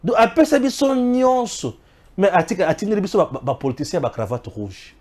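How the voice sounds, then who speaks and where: A man from Congo giving impassioned political commentary, preachy and emphatic, swinging between loud exclamations and low asides. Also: lively intonation, a little fast. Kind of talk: impassioned political talk mixing French and Lingala.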